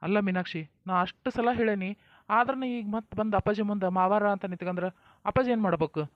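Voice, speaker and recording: A man's voice: high voice, fairly even intonation, brisk, no echo, muffled recording. A man with a North Karnataka accent acting in a family comedy skit, folksy and coaxing, sometimes stern. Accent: North Karnataka Kannada.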